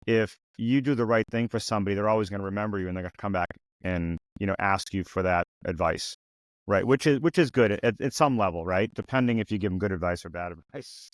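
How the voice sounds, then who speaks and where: A man in his fifties hosts a podcast interview, talking fast in a fairly low voice with no echo. He stays casual and relaxed, rambling somewhat, restarting frequently and adding "you know."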